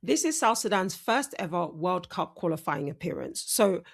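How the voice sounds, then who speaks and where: A woman's voice: on the low side, animated, moderate pace, gravelly. A woman hosting a casual sports breakdown, chatty and self-correcting, her speech slightly impeded by braces. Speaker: host.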